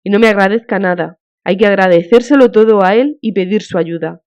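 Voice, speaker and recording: A devout countess, effusive and fervent, pressing consolation with feeling, as a woman reading the audiobook puts her on. Her voice sits at an ordinary mid pitch. The recording is slightly muffled and lo-fi. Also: fairly quick, darkish tone, smooth, lightly acted.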